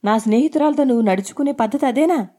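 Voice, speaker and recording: A woman's voice: mid-range voice, fairly quick, darkish tone, close to an everyday voice. A woman voicing a hurt young wife, tearful and grieving. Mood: furious.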